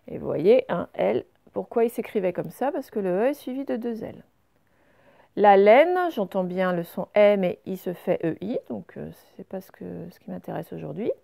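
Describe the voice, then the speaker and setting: A woman teacher going carefully through reading exercises for young pupils, saying each word clearly before explaining it. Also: medium pitch, dark tone. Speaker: primary school teacher.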